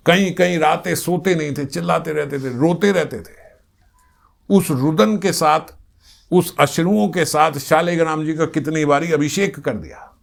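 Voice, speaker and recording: A spiritual speaker with a fairly high, creaky voice gives an earnest devotional discourse. He repeats phrases for emphasis and occasionally acts out small everyday scenes.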